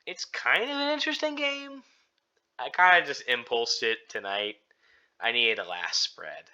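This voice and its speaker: A man's voice: mid-range voice, animated, normal speed, sharp tone, muffled recording. A man co-hosting a sports betting podcast, talking casually and rambling with lots of fillers and self-deprecating laughs. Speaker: podcast co-host.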